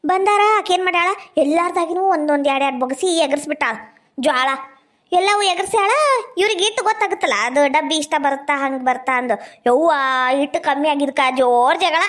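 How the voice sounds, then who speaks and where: A woman's voice: extremely high pitch, fairly bright tone. A woman with a North Karnataka Kannada accent, chatting and gossiping in rustic dialect in a scripted village comedy skit. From Gadag region, Karnataka.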